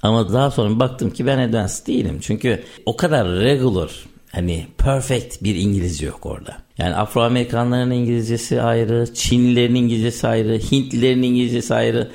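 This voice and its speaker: A man's voice: mid-range voice, a little fast, vocal fry. A man explaining things in casual conversation, telling stories and giving examples. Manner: animated storytelling with examples. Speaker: conversation leader on language learning.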